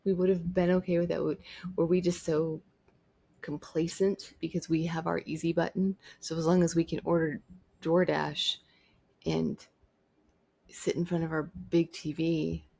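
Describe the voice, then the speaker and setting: Woman vlogger, gravelly voice, husky tone, emphatic, repeats herself for stress. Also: low voice, level tone, a little slow, pauses often, mellow. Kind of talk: opinionated talking-to-camera monologue.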